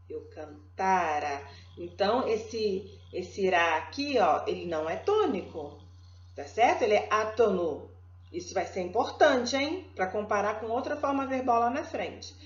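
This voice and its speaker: A Brazilian woman teaching a grammar lesson, drawing out verb conjugations slowly and checking in often with her students. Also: on the high side. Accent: Brazilian Portuguese. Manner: slow, drawn-out verb conjugation drills. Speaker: Portuguese language teacher. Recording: echoey room, dull lo-fi sound.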